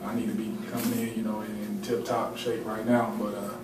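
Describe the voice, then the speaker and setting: A man's voice: fairly low pitch, monotone, brisk, music in the background. A man answering at a postgame press conference, candid and self-critical, with many fillers. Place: large press room. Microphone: table mic, heard from a distance. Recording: roomy, distant, noisy press room audio.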